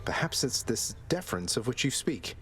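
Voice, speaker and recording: An actor playing Zagreus, a wry, irreverent young underworld prince with dry, polite diction in a video game. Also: male voice, medium pitch, big pitch swings, moderate pace, a bit bright. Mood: sarcastic. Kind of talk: dramatic video game voice acting. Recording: music behind the voice.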